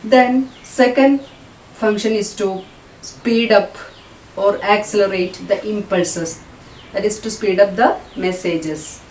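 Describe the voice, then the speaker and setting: Slow and steady, a woman with a medium-pitched, darkish voice teaches a school biology class. Her Malayalam accent reflects her roots in Kerala, India, and she explains things didactically, putting points another way. The audio comes from a distant mic in a roomy room, with faint noise.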